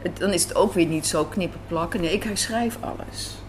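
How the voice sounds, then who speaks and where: This woman, interviewed as a writer in a café, talks informally, thinks out loud, and repeats phrases for emphasis. She speaks fairly quickly with a voice on the low side. Quiet café sounds and faint room noise run underneath.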